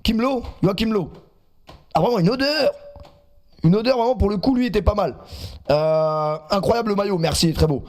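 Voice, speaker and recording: A man's voice: high voice, normal speed, long pauses, a little mellow. A man in his twenties streaming live, reacting to clips and chatting in a teasing, self-mocking way.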